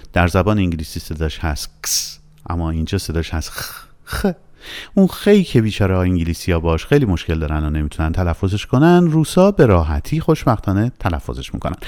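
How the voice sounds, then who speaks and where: A man giving a casual spoken language lesson, playful and animated, repeating each sound slowly for practice. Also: low voice. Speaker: Russian language teacher.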